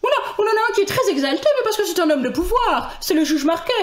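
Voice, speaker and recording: Give me a loud, pompous judge, done by a woman, pitched high and full of himself. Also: very animated, quick pace, reverberant. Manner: exalted, self-important, loud. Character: excitable pompous middle-aged male judge.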